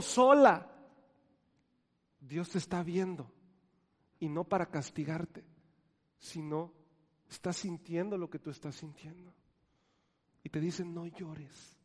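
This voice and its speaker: A man preaching a sermon as pastor, dropping to soft near-whispers and swelling loud again, asking his congregation questions and having them repeat words. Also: high voice, in a large hall.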